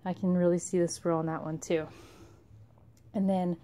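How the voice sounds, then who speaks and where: A woman's voice: fairly low pitch, flat delivery, moderate pace, mellow. A woman chatting casually and unhurriedly as she demonstrates soap making, rambling and letting phrases trail off. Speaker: soap maker, video host. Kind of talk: casual chit-chat over a soap-cutting demonstration. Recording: clearly noisy home recording.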